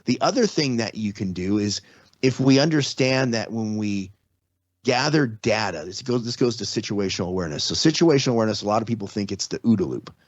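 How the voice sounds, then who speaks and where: Speaking in a lowish, animated voice at a fairly quick clip, a man in his 40s or 50s appears as a podcast guest. His casual explanations are earnest and full of restarts, captured in a dry, slightly dull lo-fi recording.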